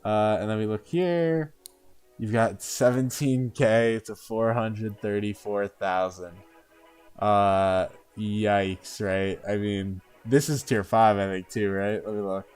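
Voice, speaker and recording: Smooth low-voiced man streaming a game. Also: fairly even intonation, slow pace, a little mellow, faint music behind. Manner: chatty, thinking aloud with many "uh" and "right?". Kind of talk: casual live gameplay commentary.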